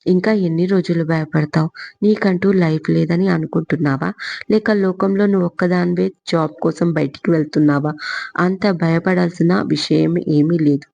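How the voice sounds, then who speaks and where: A woman voicing a kindly older man who gently coaxes his timid niece, in a dull lo-fi recording. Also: on the low side, fairly even intonation, normal speed, vocal fry, no echo. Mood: gentle. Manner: gentle, coaxing, soothing. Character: kindly indulgent older man, father and uncle.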